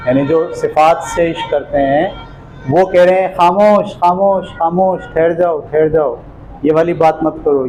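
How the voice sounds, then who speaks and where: Guy lecturing a class, mellow kinda high voice, explains things step by step, bit of faint noise. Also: poor audio. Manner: explains terms step by step, checks for understanding.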